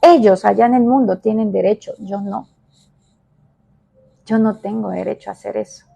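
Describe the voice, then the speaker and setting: A woman evangelist giving a devotional sermon, emphatic and repetitive, moving between soft and raised delivery. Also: mid-range voice, fairly even intonation, moderate pace, creaky, slightly rough, highs cut off.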